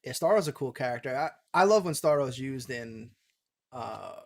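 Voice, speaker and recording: A man's voice: medium pitch, lively intonation, normal speed, creaky. A laid-back man hosting a casual live-stream chat, encouraging his guest. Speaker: host.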